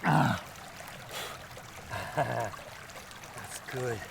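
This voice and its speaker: A Scottish man in his sixties, reflecting in a documentary interview, thoughtful and earnest, pausing and repeating words as he searches for them. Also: medium pitch, vocal fry, noisy background. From Scotland. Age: 60s. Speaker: barefoot walker interviewed.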